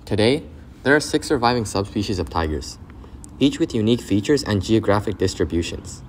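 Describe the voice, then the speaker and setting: A man's voice: lowish voice, animated, fairly quick. A man reading scripted nature documentary narration. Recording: clearly noisy background.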